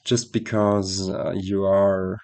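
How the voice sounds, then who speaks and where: A man with a somewhat low, nasal voice talks through a card game he has just played. His commentary is relaxed and analytical, and he often stops to correct himself as he thinks aloud. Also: takes it slowly. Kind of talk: casual gameplay commentary.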